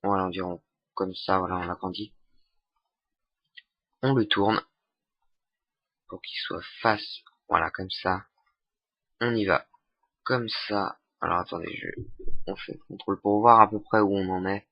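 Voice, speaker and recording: A young man giving a casual software tutorial, hesitant with many fillers and restarts. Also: low voice, fairly even intonation, unhurried, creaky, long pauses, no room sound. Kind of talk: casual screen-recorded tutorial. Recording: dull lo-fi desktop mic.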